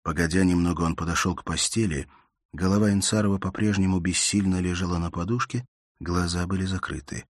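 A man reading a novel aloud in measured, scripted storytelling. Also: low voice, fairly even intonation, no echo, clean studio sound. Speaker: audiobook narrator. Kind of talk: scripted literary narration.

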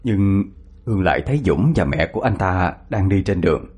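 A man narrating a ghost story in an expressive storytelling manner. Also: low voice, a little fast.

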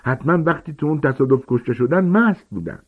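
A man voicing a bloated, spiteful middle-aged aunt who mocks and shouts in a shrill voice. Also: sing-song, slightly rough, heavily acted. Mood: mocking. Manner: shrill, mocking, furious shouting. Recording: tinny phone-like sound.

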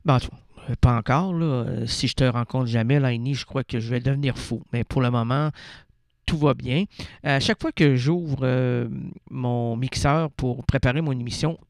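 A man with a Québécois accent, hosting a community radio show with a rambling, absurd monologue, hesitant and playful with many pauses. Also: medium pitch, darkish tone, no echo, studio quality. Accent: Québécois French.

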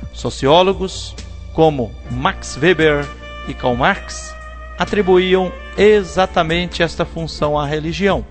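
A Brazilian man reading a scripted religious reflection as a radio host, with formal, measured phrasing. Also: fairly high pitch.

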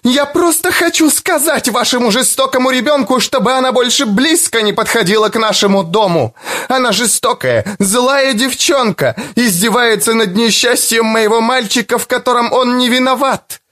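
Man doing an enraged, distraught mother, high and shaking, for an audiobook. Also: moderate pace, fairly bright tone. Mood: furious. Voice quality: high strained trembling voice. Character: furious shrill distraught adult mother. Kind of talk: audiobook character voice.

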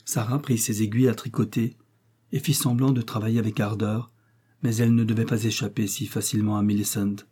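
Male narrator, classic novel, steady and measured, husky tone. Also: on the low side. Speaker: audiobook narrator.

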